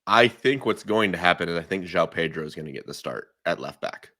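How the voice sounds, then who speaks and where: A man's voice: deep voice, expressive, fast, sharp tone, no room sound, clean studio sound. A man giving emphatic, opinionated takes as a guest in a casual podcast chat, often restarting his sentences. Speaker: guest analyst.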